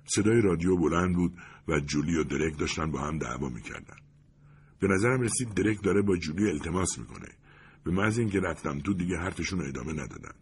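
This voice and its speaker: A man calmly narrating an audiobook in an even storytelling manner. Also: sits low, breathy edge.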